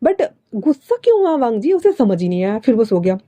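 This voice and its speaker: A woman casually retelling a story, chatty and full of playful asides. Her voice is fairly high yet very mellow and warm, never sharp. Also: very animated, fairly quick.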